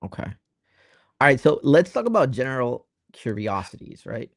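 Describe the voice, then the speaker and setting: An American man, a guest in a casual interview, asking relaxed questions. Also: mid-range voice, measured pace, creaky, no room sound, studio quality. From United States. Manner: laughs easily, relaxed questioning.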